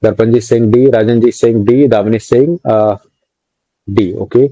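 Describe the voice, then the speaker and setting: In a live online exam-prep class, a man with an Indian accent quizzes his students, reads their names and answers aloud, and jokingly scolds them, mixing in English terms. His medium-pitched voice is steady, unhurried and mellow, and the dry recording sounds muffled.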